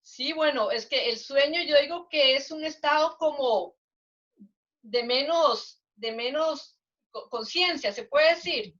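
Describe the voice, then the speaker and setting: An older woman giving an earnest, halting testimony as an interview guest, with many restarts. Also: high voice, fairly bright tone. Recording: dull lo-fi recording.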